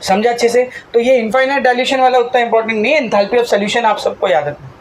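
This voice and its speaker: A man's voice: very high-pitched, fast, low-quality recording. A male chemistry teacher lectures a class and drills them in call-and-response fashion. He throws out a question and supplies the answer himself, again and again, and speaks to his students fondly as "beta". A faint noise sits behind his voice. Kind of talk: classroom lecture mixing Hindi and English terms.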